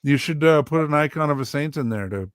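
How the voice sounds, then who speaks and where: A man's voice: on the high side, expressive, clear, resonant tone, dry recording, clean studio sound. A man co-hosting a podcast in casual chat, joking and teasing. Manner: jokey, quick with teasing asides. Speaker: podcast co-host.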